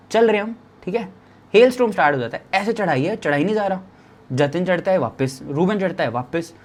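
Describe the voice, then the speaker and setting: A man in his twenties telling a travel story in a lively way. He repeats phrases for drama and speaks straight to the listener. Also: on the high side. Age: 20s. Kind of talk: animated personal storytelling.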